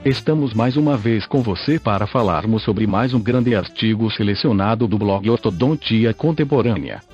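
This animated male voice sits on the low side, with a darkish tone and normal speed. It's synthesized text-to-speech with a Brazilian accent, reminiscent of an old speech synthesizer, narrating a scripted article for a podcast over dull lo-fi audio and faint music.

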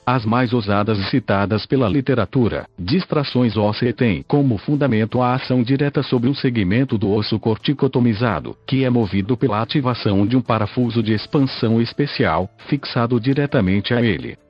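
A synthetic Brazilian man's voice reads podcast narration with mechanical, measured delivery. It is somewhat husky, and the audio is dull and lo-fi, with music behind it. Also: mid-range voice. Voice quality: synthetic text-to-speech voice. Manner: mechanical, evenly measured reading. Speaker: podcast host.

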